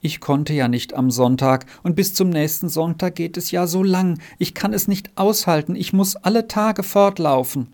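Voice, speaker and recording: A man's voice: sits high, moderate pace, hardly any pauses, a little mellow, pitched above the performer's own voice. A man reading aloud voices a homesick, miserable boy who groans in despair in a storybook.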